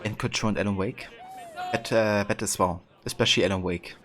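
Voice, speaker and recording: A man's voice: lowish voice, fairly even intonation, a little fast, crowd noise. A man livestreaming a video game, chatting casually with viewers in a hesitant, thoughtful way. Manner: hesitant, thoughtful, reads and answers chat. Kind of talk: casual chat with viewers while playing. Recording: clear background game noise. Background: game ambience.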